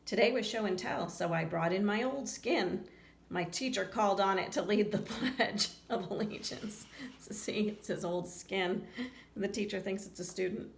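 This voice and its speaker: A woman with a mid-range voice marked by vocal fry reads a kids' picture book at a moderate pace. She's expressive, acting out lines and chatting informally with the young listeners between readings. The recording carries a roomy echo and faint background noise.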